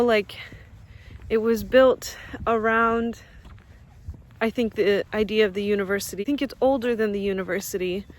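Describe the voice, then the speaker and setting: Strolling across a campus outdoors, a young vlogger from Russia, whose first language is Russian, chats casually with her audience in a walk-and-talk vlog, laughing frequently. Her voice is a little high.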